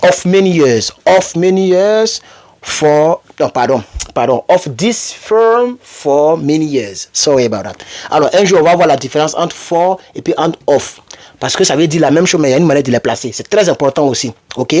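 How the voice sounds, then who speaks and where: A man's voice: fairly high pitch, animated, moderate pace, darkish tone. A man teaching an English lesson, explaining patiently and repeating words, his voice jumping up when he reads out example sentences.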